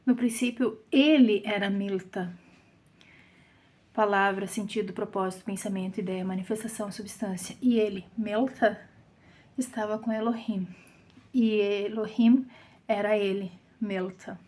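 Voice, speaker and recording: A Bible teacher with a Brazilian Portuguese accent leads a study, reading scripture aloud and explaining it, sometimes dropping to a soft whisper for emphasis. Her voice is medium-pitched and steady, with a measured pace.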